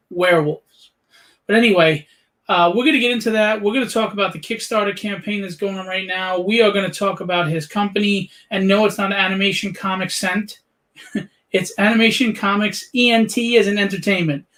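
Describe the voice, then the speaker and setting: Man in his forties, high voice, joking host, casual interview chat. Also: fairly bright tone, poor audio. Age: 40s. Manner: chatty and joking. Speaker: podcast host.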